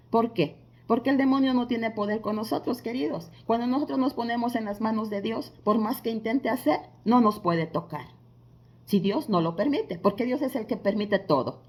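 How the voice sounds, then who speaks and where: A woman teaching a devotional Bible lesson in a conversational way, asking listeners rhetorical questions and pausing on filler sounds. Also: fairly high pitch, darkish tone. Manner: frequent filler pauses.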